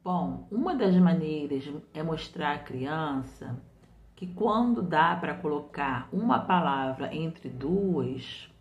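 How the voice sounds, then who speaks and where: A woman's voice: low voice, a little mellow. A woman from Brazil, a literacy teacher, explains patiently and step by step, often repeating her points. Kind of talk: didactic explanation. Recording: roomy, muffled home recording.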